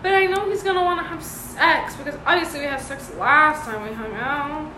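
Young woman co-host, high voice, giggly storyteller, echoey noisy room. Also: normal speed. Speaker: podcast co-host. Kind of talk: casual chat.

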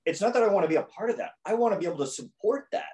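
A man's voice: high-pitched, very fast, poor audio. An emphatic man talking sales. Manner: emphatic, animated storytelling with repeated phrases. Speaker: podcast guest, sales coach. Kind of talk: conversational interview.

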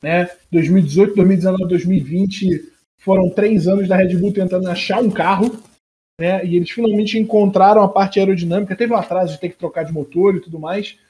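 A man's voice: high voice, fairly even intonation, fairly quick, dark tone. A man with a Brazilian accent chatting casually and slangily on a sports podcast.

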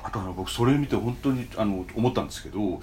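A man interviewing a guest, halting and searching for words, with many fillers. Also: lowish voice, lively intonation, warm tone, slight background noise. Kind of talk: conversational interview.

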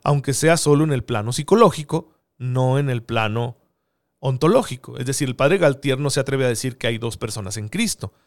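A man's voice: medium pitch, expressive, a little fast. A man giving an earnest theological teaching talk, often asking rhetorical questions. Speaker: preacher.

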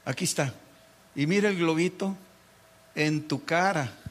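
A middle-aged pastor, preaching a dramatic sermon and acting out mocking voices. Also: male voice, a little high, a little slow.

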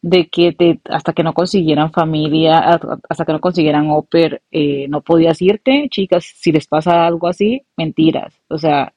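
Woman co-host, very low voice, direct, dull dry lo-fi recording. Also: moderate pace, hardly any pauses, dark tone, no echo. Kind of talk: advice to listeners.

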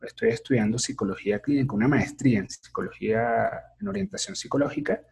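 A man, a teacher and therapist in training, explains emotions and parenting in a casual interview, often checking in with "ok?" and filling pauses with "eh". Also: medium pitch, big pitch swings, creaky, a little mellow, breathy edge. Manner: reflective, explains with many fillers and "¿ok?" checks.

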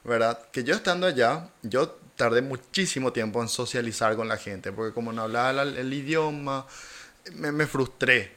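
A man, a language teacher, telling lively anecdotes in a casual podcast conversation and laughing often. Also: mid-range voice, normal speed. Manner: animated storyteller, laughs often. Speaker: guest, German teacher.

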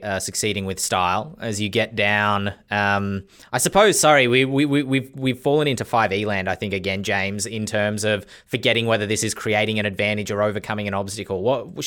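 A man narrating a tabletop game as its game master, often pausing as he searches for words. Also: fairly low pitch, a bit bright. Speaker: game master and podcast host.

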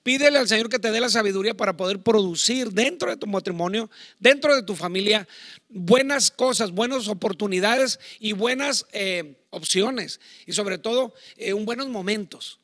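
A middle-aged Mexican man preaching in a high, bright voice. He talks loud and chatty, wandering into asides, and the sound is dry and close. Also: normal speed, no room sound. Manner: loud, self-admittedly talks shouting. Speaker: pastor. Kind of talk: sermon on marriage to online viewers.

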